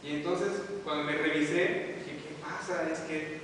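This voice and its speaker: A man's voice: fairly high pitch, fairly even intonation, measured pace, a bit bright. A man teaching a class, telling stories and asking his listeners questions. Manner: storytelling, asks the audience questions. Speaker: religious teacher. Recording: echoey hall, mic far off, hiss.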